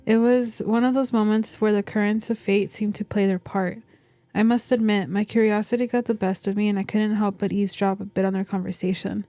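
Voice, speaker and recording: Woman acting a village shopkeeper in a game, soft-toned, formal, wordy, nosy. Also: medium pitch, flat delivery, a little fast, no echo, lightly acted. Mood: formal, intrigued. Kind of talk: reading game dialogue aloud.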